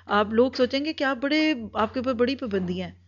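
A woman with a somewhat high voice trains group leaders in an earnest instructional talk. She repeats her points and backs each one with everyday examples. The recording sounds dull and lo-fi. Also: lively intonation.

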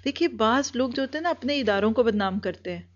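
A woman's voice: fairly high pitch, animated. A woman in an earnest instructional talk, training group leaders and driving points home with repeated everyday examples. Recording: dull lo-fi recording.

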